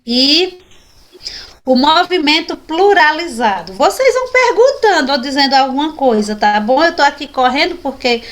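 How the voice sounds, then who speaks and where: A Brazilian woman with a high voice gives a sign language lesson, explaining step by step and often asking her students if they follow. She sounds a little tired, but her teaching stays patient and clear. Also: expressive, moderate pace, fairly bright tone. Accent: Brazilian Portuguese. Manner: explanatory, frequent checking questions to students. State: tired after a long day. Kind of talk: online class lecture.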